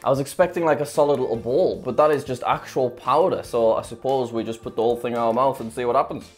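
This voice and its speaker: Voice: medium pitch, fast, soft background music. A person giving casual, exclamatory reactions on a vlog while eating sour candy, giggly and dramatically complaining. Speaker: vlog presenter.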